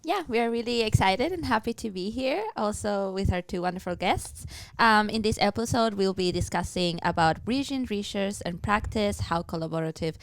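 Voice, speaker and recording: A woman co-hosts a student podcast, friendly and affirming as she introduces the topic. Her voice has a gravelly creak at an ordinary pitch for a woman. The recording is dry. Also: normal speed, hardly any pauses, dry recording. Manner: friendly, affirming, reads from notes. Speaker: co-host, student. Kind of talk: podcast interview.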